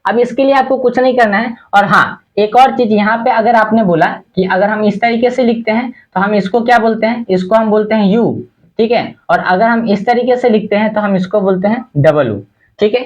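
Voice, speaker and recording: A man teaching a lesson at a board, who asks his own questions, answers them, and spells words out slowly letter by letter. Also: sits high, muffled recording. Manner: repetitive and patient, checks understanding often. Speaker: spoken English teacher.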